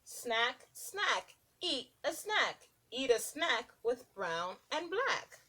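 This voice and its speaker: A preschool teacher with a high voice reads aloud from a rhyming picture book for little ones. Her reading is deliberate, expressive, and sing-song.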